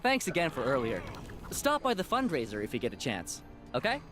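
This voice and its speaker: A man's voice: mid-range voice, wildly swooping pitch, a little fast. A man voicing an earnest, slightly flustered young superhero in a video game. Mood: flustered, friendly. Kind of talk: video game character dialogue. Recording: loud music behind the voice.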